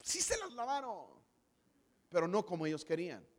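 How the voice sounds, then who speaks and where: A man's voice: high voice, wildly swooping pitch, normal speed. A man with a Mexican Spanish accent preaching a comedic sermon, animatedly acting out the story. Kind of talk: comedic sermon with acted scenes. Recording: long hall reverb.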